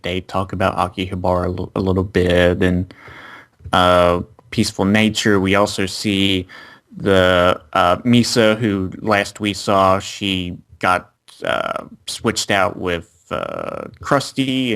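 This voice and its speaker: A man's voice: deep voice, a bit bright. A man co-hosting an anime review, recapping the episode plot in casual chat with frequent fillers.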